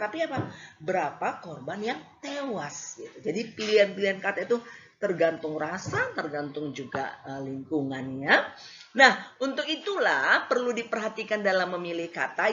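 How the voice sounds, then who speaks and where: Woman, lecturer, casual lecture, halting with fillers, mid pitch, slightly muffled lo-fi audio. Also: a bit bright. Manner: hesitant, many fillers, acts out examples. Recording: slightly dull lo-fi recording.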